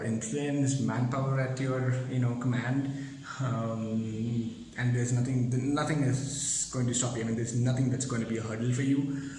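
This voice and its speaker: A man's voice: medium pitch, darkish tone, slight background noise. A man giving a casual, rambling answer with many fillers and restarts. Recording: very echoey room, faint ambience.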